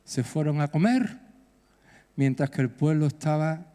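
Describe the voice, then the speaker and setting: A middle-aged male pastor with a Peninsular Spanish accent exhorts his congregation, his fairly high voice surging into excited bursts. His sermon rings through a church hall with a long echo. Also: measured pace.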